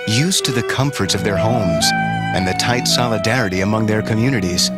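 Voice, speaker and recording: A man giving solemn, measured scripted narration for a documentary. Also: on the low side. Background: music.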